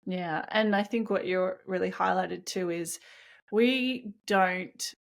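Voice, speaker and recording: A woman's voice: lowish voice, takes it slowly, gravelly. Woman co-host, thoughtful and affirming. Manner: thoughtful, affirming with frequent mm-hmms. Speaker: podcast co-host. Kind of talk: casual conversational chat.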